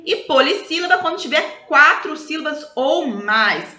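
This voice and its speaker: A Brazilian woman teaching schoolchildren in a recorded review lesson, explaining slowly and stretching out example words in a sing-song way. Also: high-pitched, expressive, bright, forceful tone. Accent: Brazilian Portuguese. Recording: echoey room.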